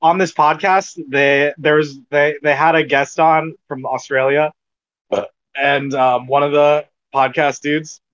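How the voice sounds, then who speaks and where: Animated swearing young man, lo-fi. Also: on the high side, measured pace, clean tone. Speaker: podcast co-host. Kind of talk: casual chat.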